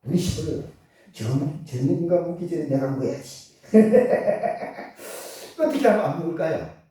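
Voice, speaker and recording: A man preaches, his pitch leaping up and down as he fires off rhetorical questions. His voice is mellow and warm. It is heard from a distance in a very echoey hall. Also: unhurried. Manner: animated preaching with frequent laughter and rhetorical questions. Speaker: pastor. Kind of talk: sermon. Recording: echoey hall, far from the mic.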